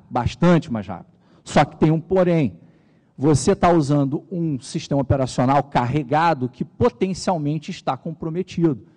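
On a large conference hall stage, a middle-aged man from Rio de Janeiro with a Carioca Brazilian Portuguese accent gives a technical talk. His fairly high voice is relaxed and jokey as he poses and answers his own questions, with the big hall's reverb audible.

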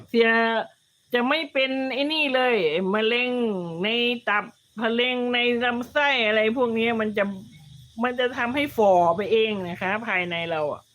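A woman's voice: on the high side, fairly bright tone. A woman hosting a livestream, chatting casually and telling stories in a rambling way. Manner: rambling, chatty storytelling, reads viewer comments aloud. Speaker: livestream host.

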